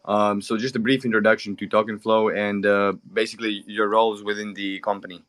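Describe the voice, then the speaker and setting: Man, low voice, upbeat host, online audio chat, repeats words. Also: little pitch movement, fairly quick, fairly bright tone. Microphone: online audio stream.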